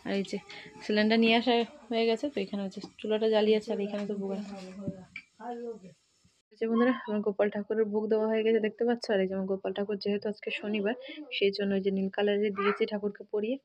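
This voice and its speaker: A woman's voice: medium pitch, level tone, rapid-fire, a little mellow. A woman with a Sylheti-influenced Bengali accent, from Assam, chatting casually to viewers while filming at her village home. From Assam, India. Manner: chatty, addresses viewers as friends. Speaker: vlogger. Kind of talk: casual home vlog narration. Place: village home kitchen and yard.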